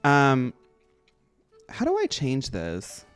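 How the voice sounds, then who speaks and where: Animated, sassy game streamer with swooping voice. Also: mid-range voice, drawn-out words, clean tone, faint music behind. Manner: animated, swooping expressive delivery; sassy, girly-pop slang. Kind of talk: casual chat while livestreaming a game.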